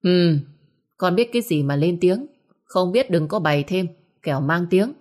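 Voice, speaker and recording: A woman voicing a sharp-tongued middle-aged third wife who scolds and places blame in a shrill voice. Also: lively intonation, normal speed, close to an everyday voice. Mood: sniping.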